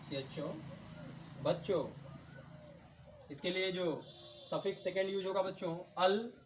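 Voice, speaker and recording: A man teaching chemistry in a slow lecture, repeating each term and talking to his students as kids. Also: sits high. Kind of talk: blackboard lecture. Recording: distant mic with faint background noise.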